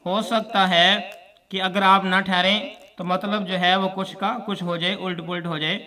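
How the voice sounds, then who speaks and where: A man's voice: high voice, flat delivery, a little slow, pushed and bright, distant mic. A man with a Pakistani Urdu accent teaching a religious lesson, repeating each point and quizzing his listeners. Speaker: Quran teacher.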